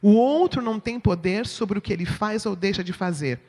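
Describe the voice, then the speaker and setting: Speaking in a church hall with long reverb, a woman with a Brazilian Portuguese accent gives an expressive, sermon-style teaching talk. She keeps asking her audience "right?" and speaks at normal speed in a mid-range voice.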